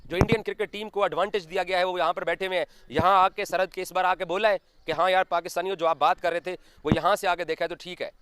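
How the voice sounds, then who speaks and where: A man's voice: sits high, fairly even intonation, a bit bright, clear, resonant tone. A man from Pakistan, delivering an indignant opinion monologue on cricket. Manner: indignant, rapid-fire questions. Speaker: cricket commentator.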